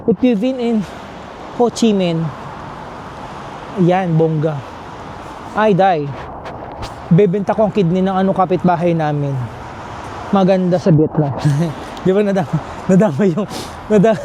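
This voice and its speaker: A man's voice: high-pitched, background noise. Chatty man vlogging on a night walk. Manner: chatty, exclamatory, joking. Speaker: travel vlogger. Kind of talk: casual walking vlog chat. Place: outdoor streets at night.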